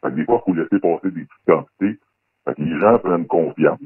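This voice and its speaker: An anonymous man with a Québécois French accent speaks as a guest on a radio talk show. His voice is electronically disguised and pitched very deep, and he talks in a guarded, hesitant way with many fillers. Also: fast, slightly rough, dry recording. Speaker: anonymous guest, former undercover federal police agent. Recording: dry, phone-like band-limited sound.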